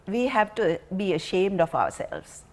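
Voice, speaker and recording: Slow-speaking Sri Lankan-accented woman presenter. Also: medium pitch, very animated, a little mellow. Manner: emphatic, halting, repeats phrases. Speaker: programme presenter. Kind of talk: earnest unscripted appeal to viewers.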